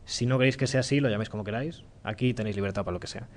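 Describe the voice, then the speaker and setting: A man with a Spanish accent from Spain giving a relaxed, joking live-coding talk in a lecture room, thinking aloud as he goes. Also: mid-range voice, racing. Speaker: conference speaker.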